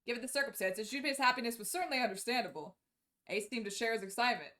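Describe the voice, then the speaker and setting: A woman's voice: a little high, lively intonation, rapid-fire, pushed and bright. A woman streamer narrating a story aloud and joking bluntly in casual chat.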